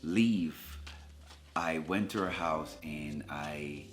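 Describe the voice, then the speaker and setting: A man's voice: very deep voice, extremely slow, faint music behind. A middle-aged man from Jamaica co-hosting with his wife, telling their story in casual chat with an earnest, storytelling manner. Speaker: co-host, husband.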